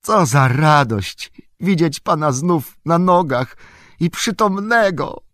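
A man reading an audiobook, voicing an eager, devoted young male hobbit servant in an excited, exclamatory manner. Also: lowish voice, normal speed, breathy edge, dry recording, studio quality. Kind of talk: audiobook character voice.

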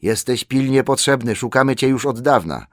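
A man voicing a loud, urgent soldier. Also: medium pitch, lively intonation, moderate pace, no echo, clean studio sound, pitched above the performer's own voice, close to an everyday voice. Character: sturdy male soldier, urgent and strong. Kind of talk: audiobook character voice.

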